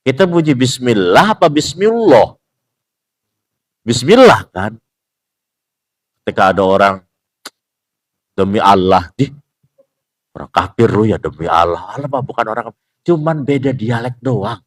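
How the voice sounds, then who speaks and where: A man giving a relaxed religious lesson at a mosque, joking with the congregation, asking rhetorical questions and slowly sounding out words to show how they are pronounced. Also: medium pitch. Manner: acts out pronunciations, repeating words slowly. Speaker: mosque teacher. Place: mosque at dawn study session.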